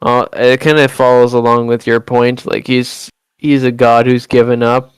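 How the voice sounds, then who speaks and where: A man talking calmly during a film watch-along stream, making short, thoughtful remarks. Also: medium pitch, normal speed, clear, resonant tone, no room sound, poor audio. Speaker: stream co-host. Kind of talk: casual watch-along chat.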